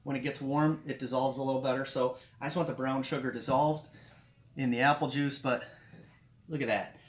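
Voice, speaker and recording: Fairly quick and mid-range with fairly even intonation, this cooking channel host keeps things chatty and upbeat in a casual how-to vlog. Standing at an outdoor grill with smoke making his eyes run, he talks through every step.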